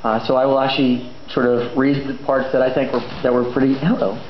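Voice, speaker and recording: Speaking at a big indoor memorial, a middle-aged son delivers a loose, chatty eulogy for his late parent, hesitating and wandering into asides. His voice is medium-pitched and brisk with little pitch movement, recorded muffled in an echoey space with faint noise behind him.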